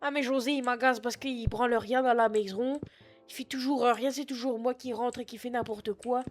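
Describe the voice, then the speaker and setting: A man's voice: very high-pitched, steady tone, moderate pace, soft background music. A man voicing a foul-mouthed, scatterbrained 60-year-old female shop clerk with a put-on Picard and Norman patois accent, sniffling and rambling to chat from his computer. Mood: winding down. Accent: put-on Picard and Norman patois mix. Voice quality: sniffly, rambling, swears a lot. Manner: chatty, flustered, self-mocking asides to chat. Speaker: streamer doing roleplay. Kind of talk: live-streamed game roleplay. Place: at home at a computer.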